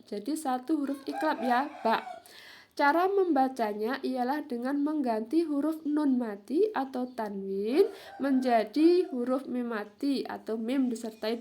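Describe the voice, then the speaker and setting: A woman gives a Quran reading lesson, in a high voice and at an unhurried pace. She explains each rule, then models the example words and repeats them for her students. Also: a little mellow, a little hiss or hum. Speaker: teacher.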